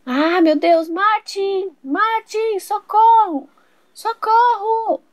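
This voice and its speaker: A woman's voice: sits high, normal speed, darkish tone, no room sound, close to an everyday voice. A woman voicing a flustered mother who shrieks in panic in a toy doll soap opera. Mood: panicked.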